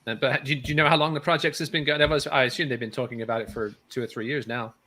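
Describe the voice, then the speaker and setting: A man's voice: mid-range voice, steady tone, racing, sharp tone. A man hosting a casual rugby talk show, chatty and rambling, with lots of restarts. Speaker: podcast host.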